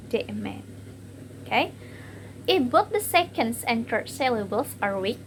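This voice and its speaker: A woman's voice: on the high side, a little hiss or hum. A young woman giving a class presentation on word stress, hesitating with fillers and repeating each example word.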